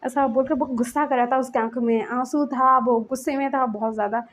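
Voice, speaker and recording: A woman's voice: high-pitched, fairly even intonation, fairly quick, a little hiss or hum. A young woman casually narrating a fan-fiction story, chatty with filler words.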